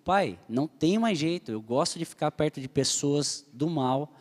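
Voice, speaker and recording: A young man from Brazil tells his personal testimony to a church group, earnest and animated. His voice sits a little high, and the room rings with a long reverb. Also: moderate pace. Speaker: church leader giving testimony.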